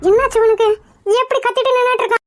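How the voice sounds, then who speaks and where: Woman playing shrill scolding cartoon mom, super high voice, dry close mic. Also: fairly even intonation, fast talker, no room sound. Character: older mother, scolding and protective. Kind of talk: Tamil cartoon voice acting.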